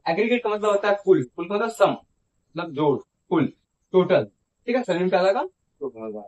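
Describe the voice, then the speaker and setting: Guy teaching english words, says each one again and asks it back, kinda high voice, dull lo-fi sound. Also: big pitch swings, fast, a little mellow. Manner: ends phrases with a checking "theek hai". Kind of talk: repetitive classroom-style lesson.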